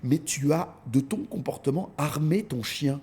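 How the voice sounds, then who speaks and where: A man speaking casually in an interview, an animated storyteller who acts out scenes and often repeats words as he starts a thought. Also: on the high side, measured pace, slightly rough. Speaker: dog content creator, guest.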